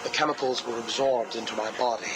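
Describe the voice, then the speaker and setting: A man's voice: medium pitch, fairly even intonation. A cold, grieving scientist who measures every word and lingers on his loss. He is heard through the hiss of a played-back cassette tape. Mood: mournful. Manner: slow, controlled, mournful delivery. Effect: played back from a cassette tape recording. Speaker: interview subject. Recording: hissy cassette tape playback.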